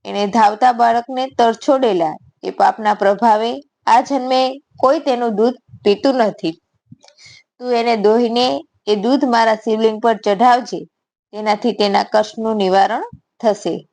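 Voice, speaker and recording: A woman with a Gujarati accent narrating a devotional fasting story in a steady reading voice, voicing the story's animals in short quoted lines. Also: on the high side, vocal fry.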